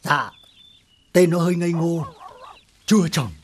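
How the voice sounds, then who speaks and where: A man's voice: fairly high pitch, measured pace, a little hiss or hum, lightly acted. An actor playing a fawning young village man who gives a tip over the phone, eager and obsequious. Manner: obsequious, keeps saying "dạ".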